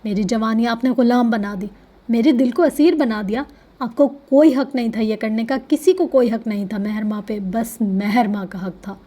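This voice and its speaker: A woman voicing a bitter, vengeful young woman who shouts and then goes cold and clipped, in a storybook reading. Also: a little high, lightly acted. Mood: furious.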